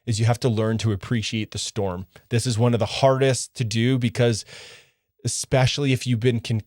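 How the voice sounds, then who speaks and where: A man's voice: lowish voice, a little mellow, no room sound, studio quality. A man coaching other men on relationships, talking earnestly in short, clipped phrases. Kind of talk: direct coaching monologue.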